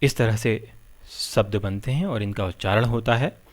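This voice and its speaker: Slow, low-voiced male teacher. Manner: measured, spells out letters one by one. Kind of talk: slow explanatory lesson.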